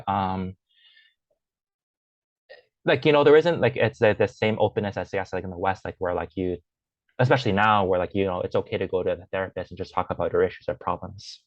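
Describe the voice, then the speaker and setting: A young interview guest, English first and Chinese second, has a casual personal conversation marked by hesitation, many fillers and repeated restarts. His voice is lowish, and the dull-sounding audio has no echo.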